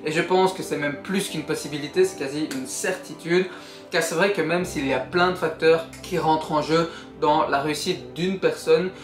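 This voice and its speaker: An earnest young man talks straight to his viewer in a casual vlog, encouraging and friendly. His voice sits a little high, and the room around him rings with echo. Soft music plays faintly underneath. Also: moderate pace. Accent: Belgian French. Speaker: YouTuber. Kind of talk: book summary vlog.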